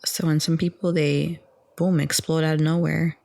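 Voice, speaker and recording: A young woman in her twenties, talking in a soft, rambling, calm ASMR chat into a close mic. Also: low voice, moderate pace, vocal fry, no echo. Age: 20s. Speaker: ASMR audio creator.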